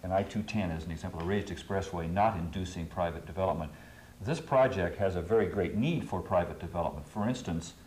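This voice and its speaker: A man moderating a studio panel, asking halting questions full of fillers. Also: low-pitched, a little mellow, slight background noise. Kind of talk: panel discussion.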